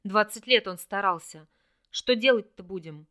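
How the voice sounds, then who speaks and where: A woman's voice: mid-range voice, normal speed, bright, forceful tone, natural voice. A woman voicing a grim, terse young male hero in an audiobook.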